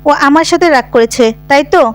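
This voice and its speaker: Woman voicing a firm but caring older aunt; scolds gently, quick pace. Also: high voice, soft background music, close to an everyday voice. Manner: scolding yet tender.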